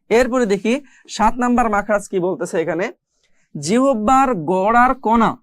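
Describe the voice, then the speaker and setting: A man teaching how to pronounce Arabic letters, speaking slowly and patiently, repeating each sound several times. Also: high voice, no room sound. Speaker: Quran recitation teacher. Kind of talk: recorded pronunciation lesson.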